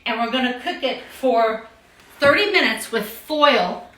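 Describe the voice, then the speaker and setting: A woman's voice: a little high, lively intonation, a little slow, pushed and bright, echoey room, rough recording. A woman co-hosting a home cooking show, explaining each step in a chatty way in her kitchen. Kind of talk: casual cooking demo.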